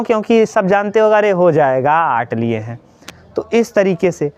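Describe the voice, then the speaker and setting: Man, teacher, earnest lecture to students, fairly high voice, dry dull lo-fi sound. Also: darkish tone, no room sound. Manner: earnest lecturing, repeats points, asks and answers his own questions. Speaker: coaching teacher. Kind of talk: motivational talk to students during a maths class.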